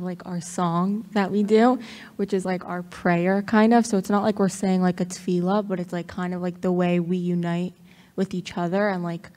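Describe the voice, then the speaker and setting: A teenage girl, a high school basketball player, answering in a chatty way full of "like" fillers on a handheld mic in a large sanctuary. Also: warm tone. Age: teens. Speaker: student athlete. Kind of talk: interview answer. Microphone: handheld microphone. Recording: long hall reverb.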